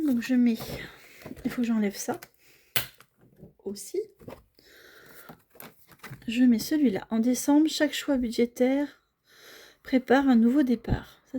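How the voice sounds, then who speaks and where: Slow, soft-spoken budgeting woman. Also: fairly high pitch, a little hiss or hum. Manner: chatty, apologetic, narrating each small task. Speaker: budgeting vlogger. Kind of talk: casual talk while filling cash envelopes.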